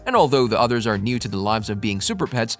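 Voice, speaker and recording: Male narrator, scripted movie-news read, highly varied pitch, medium register, soft music behind. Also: big pitch swings, quick pace. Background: faint music.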